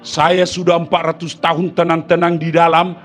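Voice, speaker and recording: A man voicing an old male jinn who guards a well, complaining loudly about a nagging woman. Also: fairly high pitch, level tone, moderate pace, soft background music, close to an everyday voice. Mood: aggrieved.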